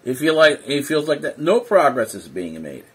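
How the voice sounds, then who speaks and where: A man's voice: mid-range voice, big pitch swings, moderate pace, husky. A man talking casually in a vlog while sitting indoors, rambling and hesitant with many fillers and restarts, a little sleepy. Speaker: vlogger. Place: indoors, seated.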